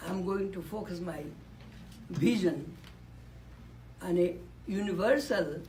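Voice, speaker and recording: An elderly man from Nepal, in his 80s, gives a reflective speech on a conference panel, speaking into a handheld or podium microphone in a conference room. His voice is high-pitched and a little mellow, his pace slow, and he repeats key words for emphasis.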